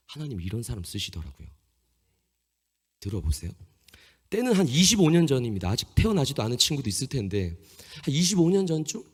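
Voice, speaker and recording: A man's voice: mid-range voice, husky. A man in his thirties preaching to a youth congregation, telling a story about himself with humor and self-mockery. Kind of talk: sermon with a personal story. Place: church sanctuary. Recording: long reverb in a church hall.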